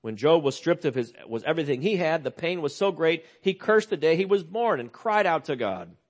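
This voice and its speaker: A man's voice: lively intonation, a little fast. Earnest older man preaching a sermon. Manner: earnest storytelling, drops low and quiet on sad news, rises on emphasis. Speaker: pastor.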